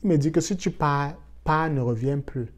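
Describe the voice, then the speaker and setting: A man from Africa telling a casual personal story for his vlog in a lively way, dropping in English words. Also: fairly high pitch, normal speed. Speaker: vlogger.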